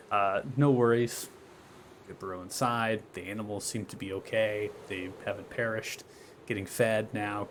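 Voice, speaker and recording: A man with a lowish voice runs a tabletop game as game master. He improvises his narration haltingly and checks in with tag questions. There is noticeable noise behind him. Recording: clear background noise.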